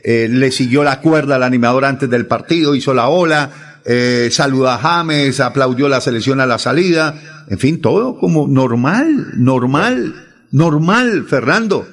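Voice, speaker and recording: A man's voice: medium pitch, measured pace. A man on a sports radio show, arguing his point vehemently and insistently in a heated debate.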